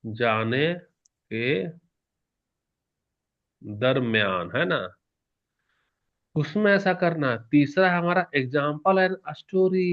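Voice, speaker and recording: A male teacher giving an exam-prep lecture in a lively manner, asking questions and answering them himself while shifting between soft and loud. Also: fairly high pitch, muffled recording. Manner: animated, varies loudness and pace, asks questions and answers them himself.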